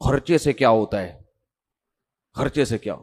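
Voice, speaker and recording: A middle-aged religious preacher with a medium-pitched, lively voice delivers a sermon in a chatty, storytelling way, mimicking the people he quotes.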